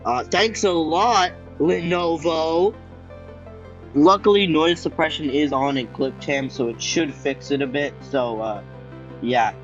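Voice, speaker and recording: A man's voice: on the high side, slow pace, lo-fi sound, faint music behind. A man hosting a casual tech vlog, rambling and poking fun at himself, recorded on a headphone mic with noise reduction artifacts. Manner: rambling, self-deprecating, many fillers. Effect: noise reduction artifacts from noise suppression. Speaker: tech channel host. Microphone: headphone built-in mic.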